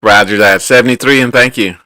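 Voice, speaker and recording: A contesting ham radio operator calls CQ on the air, reading out his call sign in the phonetic alphabet with a loud, sing-song, repeated delivery. His voice sits in the mid-range and moves fairly quickly, with no echo.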